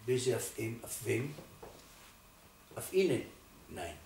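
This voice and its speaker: An old man in his eighties preaches as a rabbi, dropping to a murmur and then swelling loudly for emphasis. His voice is picked up from across an echoing room. A faint hum of ambience sits underneath. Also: medium pitch, big pitch swings, takes it slowly. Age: 80s. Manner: emphatic, swells from quiet to loud for stress. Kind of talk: Torah sermon. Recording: roomy, distant mic, faint ambience.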